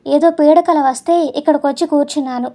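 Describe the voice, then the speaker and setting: A tearful middle-aged wife from a storybook, anxious and guilty, her high, mellow voice faltering, as a woman narrator puts her on. She stumbles over her words through tears. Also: steady tone, brisk.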